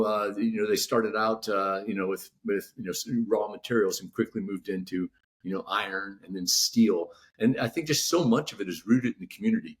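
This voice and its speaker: Halting low-voiced man, filler-heavy. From California. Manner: halting, heavy on "you know" fillers and restarts. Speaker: author guest. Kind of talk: casual podcast interview.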